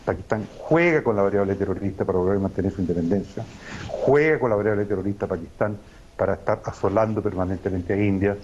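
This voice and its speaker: A man's voice: lowish voice, fast, a little mellow, dull audio, a little hiss or hum. A man as a guest analyst, explaining in an emphatic, professorial way with frequent hesitations. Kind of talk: lecturing analysis on a talk show.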